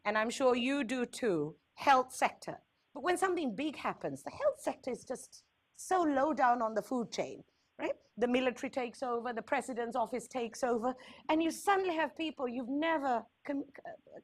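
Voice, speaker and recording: This woman speaks at normal speed in a high, expressive voice with a Sri Lankan accent. She is a health agency speaker specializing in risk communication, and her conference talk is candid and wry, using repetition for emphasis and quick tag questions to check in.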